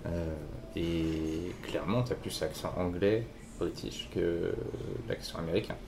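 Deep-voiced man hosting a podcast. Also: a little slow, vocal fry, noisy background. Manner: relaxed, prompting questions. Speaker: podcast host. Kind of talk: casual interview. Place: hostel.

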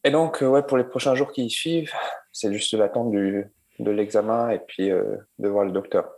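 A man with a somewhat low-pitched voice hosts an informal conversation. He comments and asks questions in a casual interviewing style. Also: fairly even intonation, normal speed, a little mellow. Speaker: podcast co-host, interviewer.

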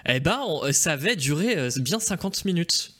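A man hosting a casual live stream in a relaxed way, reading out messages from the chat. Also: on the high side, moderate pace. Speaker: host.

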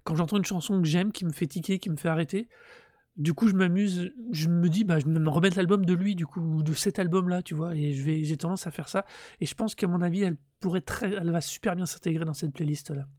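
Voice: mid-range voice, steady tone, quick pace, warm tone, dry recording, studio quality. A podcast co-host chatting casually about music, often correcting themselves mid-sentence.

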